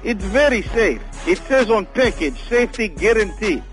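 A man voicing an earnest, deadpan salesman, broken English and w said for v. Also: high-pitched, normal speed, music in the background. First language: not English. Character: earnest foreign salesman Boris with dubious products. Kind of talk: deadpan prank phone call.

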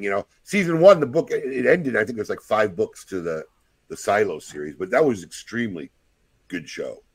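Middle-aged man, podcast host, low voice, swings up and down a lot, swears, excitable, casual chat. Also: dry recording. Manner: excitable, swears often, loud outbursts.

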